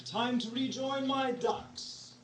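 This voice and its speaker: An actor with a British accent playing an eccentric, wry time-travelling Doctor in an audio drama, with theatrical phrasing. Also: male voice, very high voice, fairly even intonation, slow pace, noisy background. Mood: wry, playful. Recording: lo-fi 1980s amateur audio drama, music behind.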